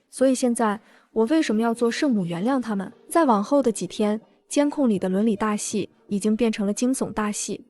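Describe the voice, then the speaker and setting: A woman's voice: mid-range voice, darkish tone. A woman narrating a first-person revenge story in a cool, smug way.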